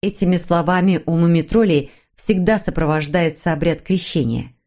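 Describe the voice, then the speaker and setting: Woman narrating a storybook, mellow tone. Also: fairly low pitch, moderate pace.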